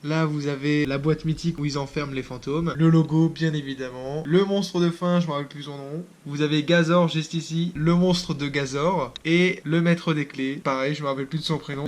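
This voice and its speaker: A man in his twenties from France, an artist chatting casually to viewers in a vlog and joking about himself. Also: fairly high pitch. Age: 20s. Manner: chatty, joking and self-mocking. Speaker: artist and video host.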